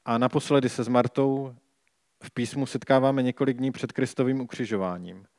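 A man's voice: mid-range voice, no echo. Man reading scripture in a dry room. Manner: calm, measured, reflective reading. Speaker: scripture reader and preacher. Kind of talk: Bible reading with reflection.

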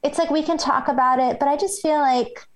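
A woman co-hosting a podcast in relaxed casual chat, often laughing. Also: high-pitched, brisk. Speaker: podcast co-host.

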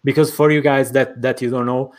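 A man's voice: medium pitch, little pitch movement, brisk. Wordy male interviewer with Portuguese accent. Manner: wordy, rambling lead-ins to questions. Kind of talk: conversational interview.

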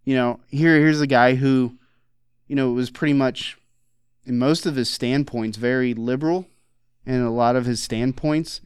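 A man in loose, rambling podcast conversation, circling his points and stopping to restart his sentences. His voice is smooth and resonant, sitting in an ordinary middle register, and it is recorded close and dry. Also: mid-range voice, fairly even intonation, moderate pace, no echo. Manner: rambling, with many fillers and restarts. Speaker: podcast co-host. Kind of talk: casual conversational podcast chat.

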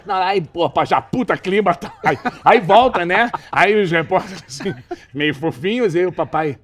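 A middle-aged Brazilian man with a Brazilian Portuguese accent, a talk show guest telling animated anecdotes in casual chat and swearing freely. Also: high-pitched, normal speed, distant mic.

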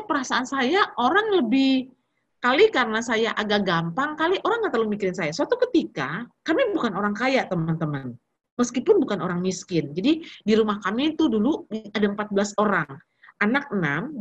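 Husky-voiced woman in her fifties preaching. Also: on the high side, fairly bright tone, dull audio. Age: 50s. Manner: chatty, mixes slang and English words. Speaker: preacher speaking to young people. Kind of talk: casual sermon with personal stories.

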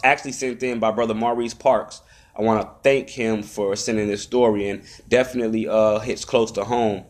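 Male podcast host, lowish register, top-countdown announcer delivery, formulaic phrasing, familiar address to listeners. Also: a little mellow. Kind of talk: top twenty countdown rundown of crypto market prices.

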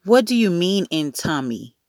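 A woman voicing an anxious boy of about nine who shouts and pleads urgently. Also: fairly low pitch, sing-song, measured pace, no room sound, studio quality. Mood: pleading. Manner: urgent, rising to yells.

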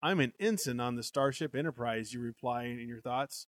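A man's voice: medium pitch, moderate pace, no echo, clean studio sound. A young man co-hosting a show, reading a gamebook aloud with banter and frequent laughs. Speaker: podcast co-host reading a gamebook.

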